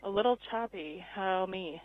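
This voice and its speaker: A woman's voice: medium pitch, moderate pace, dry recording. A woman acting as ground communicator, speaking in radio read-backs over a transmission link. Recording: narrow phone-like radio link.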